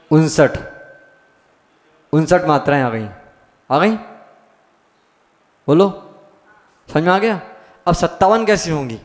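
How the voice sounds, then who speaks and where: Man teaching, echoing in a hall. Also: a little high. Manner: asks the class questions, explains step by step. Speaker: Jain monk teaching scripture class. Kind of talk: scripture lesson. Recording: long hall reverb.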